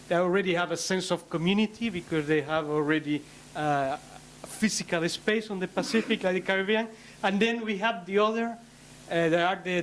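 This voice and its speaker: A man with a fairly high voice leads a conference workshop. He explains his points haltingly, often repeating words before going on. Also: slight background noise. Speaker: session leader. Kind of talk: workshop presentation. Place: conference room.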